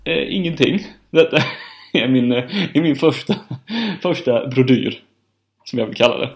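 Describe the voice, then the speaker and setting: En man pratar avslappnat som programledare och skrattar ofta. Han driver med sig själv och börjar om på sina meningar. Rösten har ett vanligt mellanläge för en man. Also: mid-range voice. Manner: laughs often, self-mocking, rambling with restarts. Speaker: podcast co-host. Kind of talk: casual chat.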